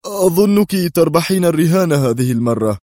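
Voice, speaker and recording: A man's voice: fairly high pitch, expressive, normal speed, no room sound, studio quality. A man doing a nervous, irritable president. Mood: tense. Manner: tense, irritable. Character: nervous irritable male president, middle-aged.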